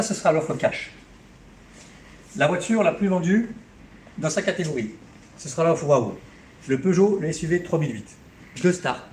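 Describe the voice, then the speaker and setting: A man giving a live infomercial sales pitch as a car dealership presenter, with emphatic hard-sell patter that repeats key figures. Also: a little mellow. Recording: clear background noise on location.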